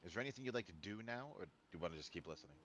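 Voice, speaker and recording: A man's voice: deep voice, lively intonation, racing, a bit bright. A man acting as game master, narrating a tabletop game in a casual, conversational way.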